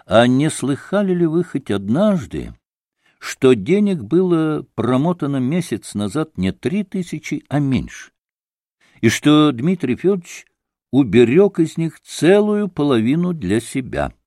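A man voicing a methodical prosecutor in an audiobook drama, questioning in a measured, formal manner. The pitch moves freely, and the studio sound is dry. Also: sing-song, warm tone, dry recording. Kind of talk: audiobook character reading.

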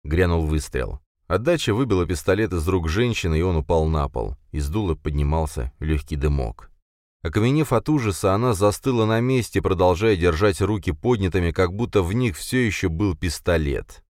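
A man narrating a thriller audiobook in an expressive, tense reading. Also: low voice, normal speed, no room sound, clean studio sound.

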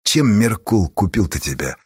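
A man voicing a calm, cold gang boss. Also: moderate pace, slightly rough, dry recording, clean studio sound, full character voice. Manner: low, calm, matter-of-fact menace. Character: cold, ruthless male gang leader.

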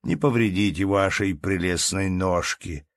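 A man's voice: low-pitched, a little slow, dry recording. A man voicing a fawning, gallant young male ensign who speaks in an effusive, sugary courtly tone. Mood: gushing.

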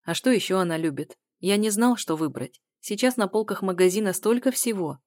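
A woman voicing a confident, persistent man who speaks calmly and insistently in an audiobook. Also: medium pitch, brisk, no room sound, clean studio sound, lightly acted. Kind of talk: audiobook dialogue reading.

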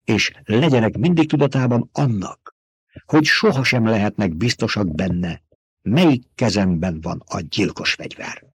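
A man's voice: on the low side, husky, no echo. A man voicing a cunning, arrogant young male noble fighter, speaking his cold, gloating thoughts in an audiobook.

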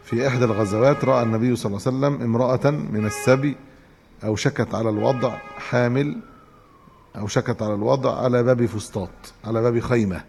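A man with an Egyptian Arabic accent giving a religious lesson, reading a text aloud and explaining it in a measured way. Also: mid-range voice, fairly even intonation, vocal fry, a little mellow, big-room sound, soft background music. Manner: measured, explanatory, restarts to correct himself. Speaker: Islamic scholar teaching hadith.

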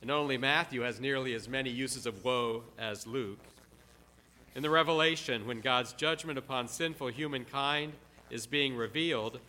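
A man preaching a sermon, repeating words for emphasis and slowing down on quiet, solemn phrases. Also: mid-range voice.

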